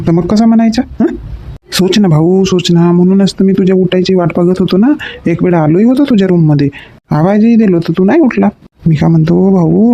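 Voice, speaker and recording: A man's voice: high-pitched, dark tone. A man playing an eager pleading son. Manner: pleading, repeats words. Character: grown sons at home, eager and scheming. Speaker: son in a family sketch. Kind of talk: comedy sketch acting. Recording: dull lo-fi recording with faint noise.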